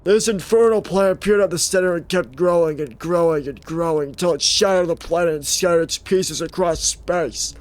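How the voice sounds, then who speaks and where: A man voicing a gruff old male space explorer who tells a drawling, folksy story in a rough, strained old-man voice. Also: on the high side, moderate pace, hardly any pauses, close to an everyday voice. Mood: earnest.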